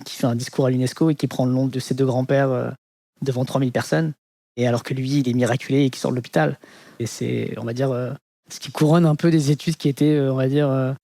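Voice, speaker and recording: A man from France with a Parisian French accent, in his thirties, telling his life story in an interview and pausing often on fillers. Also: medium pitch, vocal fry, mellow, dry recording. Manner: hesitant, many fillers like "on va dire". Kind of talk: reflective personal testimony.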